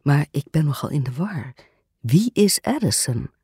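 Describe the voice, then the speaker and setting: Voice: medium pitch, big pitch swings, a little slow, mellow, husky, no room sound, studio quality, exaggerated voice. A storyteller voicing a timid, confused upper-class lady who whispers apologetically. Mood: bewildered.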